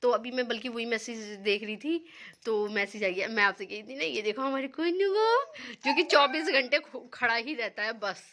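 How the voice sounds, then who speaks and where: Young mom vlogging at home on her phone, chatty and rambling, bright voice sitting a bit high. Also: expressive, moderate pace. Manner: chatty, rambling, talks while minding her children. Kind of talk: casual home vlog chat to camera.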